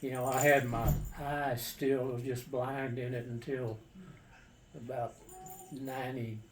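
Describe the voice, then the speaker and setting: Older man, slow, flat, halting storyteller. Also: medium pitch, soft background music. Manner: halting, matter-of-fact, plain-spoken. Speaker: war veteran recounting his service. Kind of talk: casual personal storytelling. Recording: distant mic with faint background noise.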